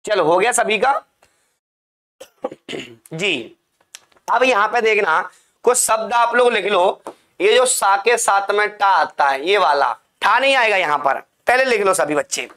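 Male teacher, high-pitched bright voice, repetitive drilling lesson. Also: lively intonation, measured pace, long pauses. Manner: repetitive, drilling words to students. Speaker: Hindi teacher. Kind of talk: classroom spelling lesson.

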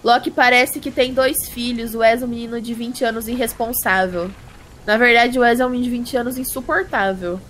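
High-voiced teasing Brazilian woman. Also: steady tone, fairly quick, a bit bright, slight background noise, poor audio. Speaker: gaming streamer. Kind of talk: casual live-stream chat while gaming. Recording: music playing behind. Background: music.

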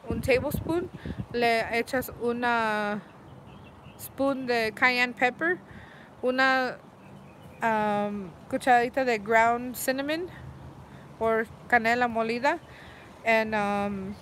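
Bright-voiced woman chatting outdoors. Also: fairly high pitch, slight background noise. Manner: switches between Spanish and English mid-sentence; chatty, restarts words often with filler ums. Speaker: vlogger answering viewer questions. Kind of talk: casual chat. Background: faint street and vehicle sounds.

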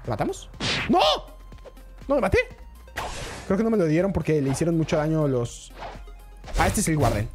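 A woman, live-streaming a game, excitable and chatty, talking straight to her chat. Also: deep voice, brisk, long pauses, over music.

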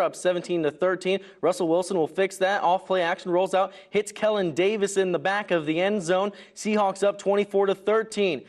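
Male sports news reporter and anchor, voice a little high, scripted TV highlight delivery.

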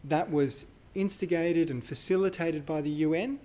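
Speaking at a moderate pace in a mellow voice on the high side, a man delivers a live university lecture. He talks casually, working through his thoughts out loud with fillers and corrections of himself.

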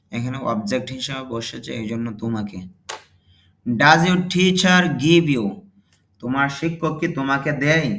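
A man with a Bangladeshi accent teaching a spoken English lesson, saying each English example sentence slowly and loudly, then explaining it more quietly. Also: medium pitch.

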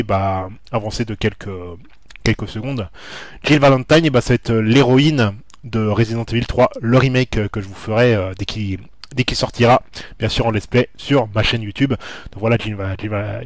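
A man's voice: on the low side, no room sound. A young man giving casual gameplay commentary, informal, repeating himself and searching for words. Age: young adult. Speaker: let's play YouTuber.

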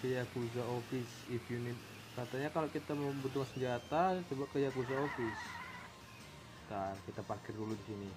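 A man's voice: mid-range voice, brisk, over music. A man from Indonesia doing playful let's-play game commentary, making engine noises and mixing in English words. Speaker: gamer.

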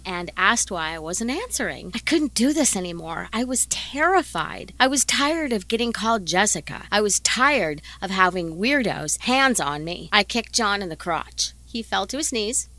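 Female narrator for an animated story, sarcastic and dramatic, bright tone, dry booth sound. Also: medium pitch, moderate pace, hardly any pauses, no room sound. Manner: dramatic, sarcastic, self-mocking. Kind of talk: scripted first-person story narration.

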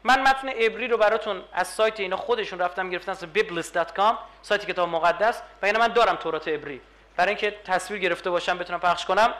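A man's voice: high-pitched, bright, forceful tone. A man giving a religious lecture to a live audience, emphatic and firing rhetorical questions at his listeners.

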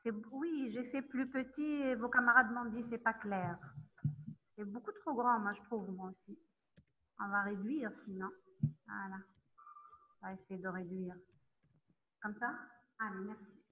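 A woman lecturer teaching an online class, talking haltingly with many fillers and checking in often with her students. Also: medium pitch, fairly even intonation. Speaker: university lecturer. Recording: tinny phone-like line.

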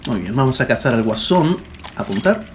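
A man's voice: mid-range voice, very animated, moderate pace, a little hiss or hum. A man giving casual let's play commentary, informal and often talking to himself or reading aloud. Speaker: gaming video host. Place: indoor voice-over on game footage.

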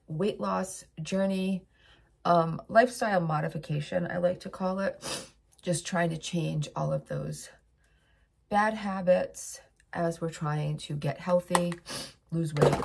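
A woman's voice: on the low side, gravelly, darkish tone, husky. A woman hosting her own vlog, chatting casually to her viewers with a stuffy, sniffly nose, upbeat and rambling. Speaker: vlog host. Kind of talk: casual chat to camera.

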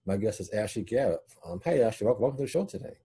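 A man from Boston hosting a video call interview, halting and repeating his words as he asks questions. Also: on the low side, animated, mellow, breathy edge. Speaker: host. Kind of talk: casual interview. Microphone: video call webcam.

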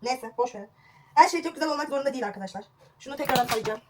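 A woman's voice: high voice, lively intonation, very fast, background noise. A young woman vlogging a home haircut, chatty and self-mocking, recorded on a phone at home. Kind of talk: casual home haircut vlog. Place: at home indoors.

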